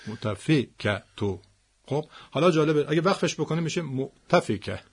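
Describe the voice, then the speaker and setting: A man teaching the stress rules of Quranic Arabic, patiently repeating words slowly. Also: on the high side, expressive, breathy edge.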